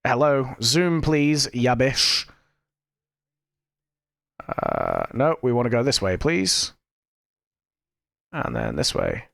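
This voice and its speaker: In clean, studio-quality sound with no echo, a British man commentates casually on his gameplay, rambling and poking fun at himself as he talks to chat and fights a lingering cough. His medium-pitched voice is creaky and a bit bright, with huge pitch swings, a slow pace, and long pauses.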